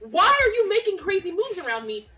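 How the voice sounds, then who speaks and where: High, animated woman ranting and laughing. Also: a little fast, rough recording. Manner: animated, profane, laughing storyteller. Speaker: podcast co-host. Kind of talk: casual chat.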